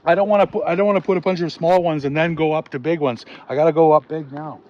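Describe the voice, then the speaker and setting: A man chatting casually outdoors as he explains his building work, often pausing to think aloud. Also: a little high, fairly even intonation. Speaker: log cabin builder and vlogger. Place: outdoors at a cabin building site. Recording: muffled, noisy outdoor camera audio.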